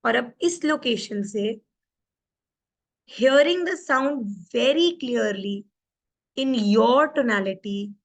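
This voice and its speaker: A woman, a life coach, calmly leading a guided visualization exercise in drawn-out instructions that mix Hindi and English. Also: on the high side.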